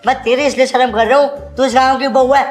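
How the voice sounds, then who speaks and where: An actor playing a brash, swindling village mechanic in a comedy skit. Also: male voice, extremely high pitch, little pitch movement, fast talker, over loud music. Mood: defiant. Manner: brash, threatening.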